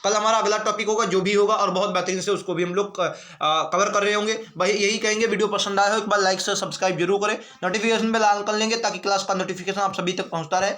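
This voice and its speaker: High-voiced man drilling spelling answers. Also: fairly even intonation, fast, few pauses, bright, forceful tone. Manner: repetitive, drilling answers, asks and answers himself. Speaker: exam prep teacher. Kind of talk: online spelling class.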